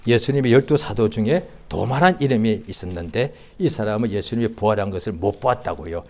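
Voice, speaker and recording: A male pastor preaching a sermon, swinging from quiet asides to loud impassioned cries and acting out the voices of doubters. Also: lowish voice, lively intonation, a little fast. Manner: acts out quoted voices of doubters. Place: church sanctuary.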